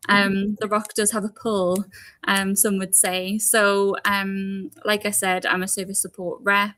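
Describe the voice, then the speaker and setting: A young woman with a Geordie accent talks through a live online recruitment session. Her manner is friendly and chatty, with frequent laughs, and her pitch sits in a middle range. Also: level tone, unhurried, bright, forceful tone. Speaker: service support rep and co-host. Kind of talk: live Q&A chat.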